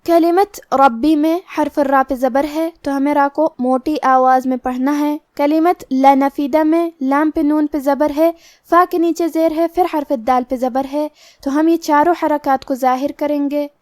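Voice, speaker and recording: A woman with a Pakistani Urdu accent gives a tajweed lesson, explaining pronunciation rules in a high, clear voice. She is slow and deliberate, spelling out each sound with care. The recording is dry and close, with no room sound. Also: fairly even intonation, a little mellow, no room sound. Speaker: Quran recitation teacher.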